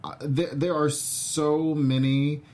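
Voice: mid-range voice, flat delivery, takes it slowly, a little mellow. A host leading a casual chat about a TV show, talking with lots of fillers and restarts. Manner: chatty, many fillers and restarts. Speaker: podcast host.

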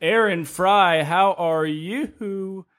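A man playing a goofy, loud carnival ringmaster, announcing a show with drawn-out words and nonsense rhymes. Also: high voice, voice pushed up, heavily acted. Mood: rowdy hype. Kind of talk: theatrical show intro announcement.

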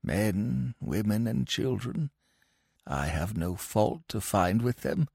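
A man voicing an old, hypocritical male crocodile who speaks gently and preachily, drawing out his words. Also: lowish voice, lively intonation, takes it slowly, gravelly, slightly rough, no room sound, clean studio sound, heavily acted. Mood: sanctimonious.

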